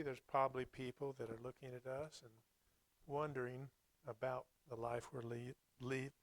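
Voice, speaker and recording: A man preaching a Sunday sermon, reading scripture and commenting on it in a plainspoken, reflective, halting way. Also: mid-range voice, a bit bright, no echo, low-quality recording.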